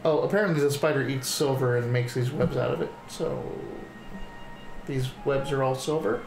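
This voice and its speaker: A man's voice: medium pitch, moderate pace. Casual male gamer in a noisy, echoey room. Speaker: player in a tabletop role-playing game. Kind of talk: casual table talk. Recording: echoey room with clear background noise.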